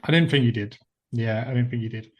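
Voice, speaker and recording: A man's voice: mid-range voice, brisk, darkish tone. Chatty man on a podcast. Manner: chatty, laughs often, self-deprecating. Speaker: podcast co-host. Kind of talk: casual chat.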